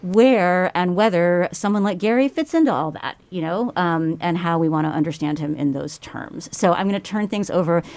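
A woman co-hosting a casual radio show, slightly muffled from talking through a mask, in a halting, rambling way with amused asides. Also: fairly low pitch, darkish tone, no echo. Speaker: radio co-host.

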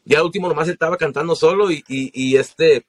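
A man's voice: a little high, brisk, slight background noise. A man with a Mexican Spanish accent, a singer telling stories in casual podcast chat, slangy and profane.

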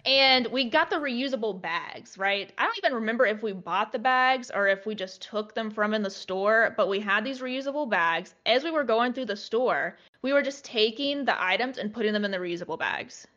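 A young woman telling a long story in a relaxed chat, her voice bright and somewhat high. She leans on "like" fillers constantly. The recording sounds slightly lo-fi. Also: normal speed, hardly any pauses. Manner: chatty, heavy use of "like" fillers.

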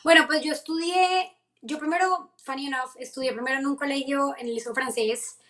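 Lively woman, slightly high voice. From Colombia. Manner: lively, mixes in English phrases, quick restarts. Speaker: singer-songwriter guest. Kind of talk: casual interview.

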